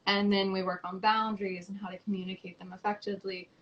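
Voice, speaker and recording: A woman's voice: mid-range voice, little pitch movement, fast talker, a bit bright, dull audio, slight background noise. A woman guest coach in a casual podcast conversation, easygoing, laughing often and saying like a lot. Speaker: guest, self-love coach.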